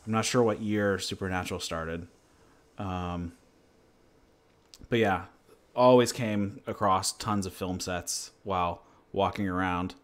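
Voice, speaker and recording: A man from New Hampshire, USA, hosts a casual livestream chat and Q&A on his channel. His voice sits a bit low, and he drifts from one story to the next in a rambling, laid-back, unhurried way.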